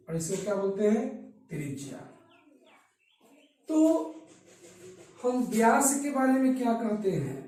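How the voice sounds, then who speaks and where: In a study centre classroom, a teacher with a mid-range, dark-toned voice gives a maths lesson at the blackboard. He keeps posing questions and answering them himself, repeating the key terms. The room is echoey and he is distant from the mic.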